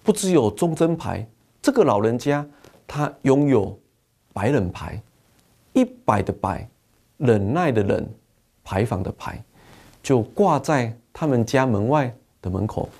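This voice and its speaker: A male preacher giving a sermon, moving from storytelling into earnest exhortation. His voice is dark and mellow, with lively swings in pitch. He slows down and pauses heavily on key points. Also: creaky.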